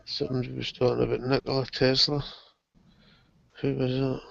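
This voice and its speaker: A man's voice: medium pitch, level tone, normal speed, creaky, fairly bright tone. A man in a casual online group chat, chatty, opinionated and swearing. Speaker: guest on the chat. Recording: lo-fi online call audio.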